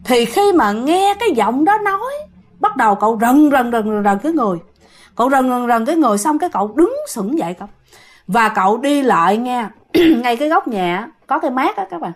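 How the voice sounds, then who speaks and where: A woman's voice: on the high side, animated, brisk. A woman with a Southern Vietnamese accent telling a ghost story in a chatty, repetitive way, addressing her listeners.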